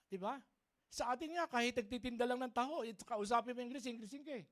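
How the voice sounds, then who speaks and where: A man's voice: extremely high pitch, fast talker. A man preaching a sermon as a pastor, mixing Tagalog and English and often checking for the congregation's agreement. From Philippines. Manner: lively, keeps asking the congregation for agreement. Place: church service.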